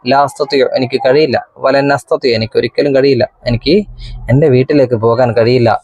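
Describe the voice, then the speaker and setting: A lonely, tearful teenage girl, read out by a male teacher in his plain, unacted voice. The reading has a Kerala accent and a mid-pitched tone. It is recorded dry and close. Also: steady tone, brisk, a little mellow, slightly rough, dry recording, natural voice.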